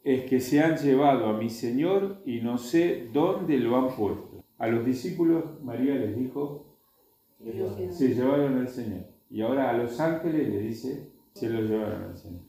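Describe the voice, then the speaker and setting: A man's voice: medium pitch, lively intonation, normal speed, dark tone, a little hiss or hum. A man with an Argentine accent reading scripture aloud to a group and stopping to explain it in plain words. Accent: Argentine Spanish. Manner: reads aloud, then stops to add plain explanations. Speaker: Bible study teacher. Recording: echoey room.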